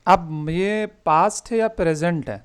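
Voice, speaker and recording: Male tutor on a video call, smooth resonant voice, patient and methodical, slows to spell out each word. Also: a little high. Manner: patient, slow drilling of verb forms, word by word. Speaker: Persian tutor. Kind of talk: online one-on-one language lesson.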